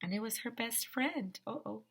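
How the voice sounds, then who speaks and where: Here the woman teacher's voice is fairly high and husky, with lively intonation, a moderate pace, and a fairly bright tone. She reads a picture book aloud to young children with exaggerated expression, asking them questions and adding asides along the way.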